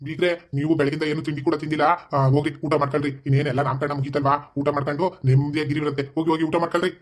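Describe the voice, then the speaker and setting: A nervous, scheming son-in-law from an animated comedy, voiced by a man. His voice sits a little high and stays flat. He pleads and grumbles at a rushed pace. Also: lightly acted. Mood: harried.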